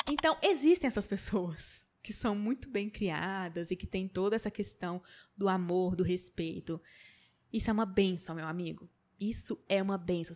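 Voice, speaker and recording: A young adult woman hosting a podcast, telling stories in a casual, animated monologue and acting out quotes. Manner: animated storytelling, acts out quotes with shrill high voice. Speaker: podcast host.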